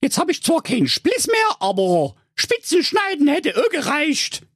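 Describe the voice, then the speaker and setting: A man's voice: extremely high pitch, huge pitch swings, measured pace, a bit bright, no echo, clean studio sound, voice pushed up, full character voice. A man voicing a sassy young fairy-tale princess in a comic story, speaking in a cheeky, mocking way.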